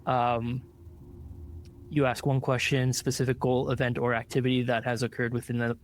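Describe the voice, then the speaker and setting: A man's voice: medium pitch, completely flat delivery, normal speed, a little hiss or hum. A man playing a tabletop game, hesitantly asking the game master about rules. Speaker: player.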